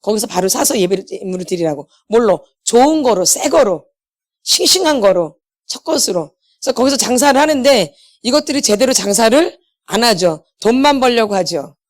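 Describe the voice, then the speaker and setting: A woman's voice: fairly high pitch, expressive, moderate pace. A middle-aged woman preaching to her congregation. She keeps asking them questions and answers them herself. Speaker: pastor's wife leading a healing meeting. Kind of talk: sermon.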